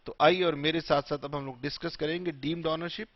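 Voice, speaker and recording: A man teaching tax law in a classroom lecture, mixing Hindi and English in a slow, emphatic way. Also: a little high, steady tone, no echo, lo-fi sound.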